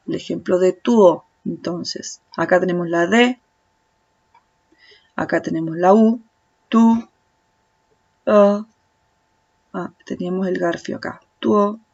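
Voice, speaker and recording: Woman, Rioplatense Spanish accent, patient teacher, unhurried delivery, repeats each sound, slightly dull recording. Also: medium pitch, darkish tone. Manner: patient, repeats sounds slowly, addresses viewer as vos. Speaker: Chinese language teacher. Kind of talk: slow step-by-step tutorial explanation.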